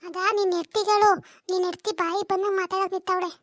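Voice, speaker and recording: A woman's voice: extremely high pitch, level tone, quick pace, a bit bright, dry recording, studio quality. A woman voicing a defiant older mother in a cartoon drama, with a North Karnataka Kannada accent, scolding her son and his wife. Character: older mother, proud and protective of her daughter.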